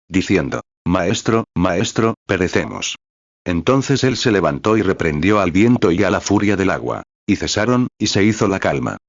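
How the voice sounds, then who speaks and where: Low-voiced man preaching, dull dry recording. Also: no room sound. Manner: cites chapter and verse before each reading, with fervent interjections. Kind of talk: sermon with scripture reading.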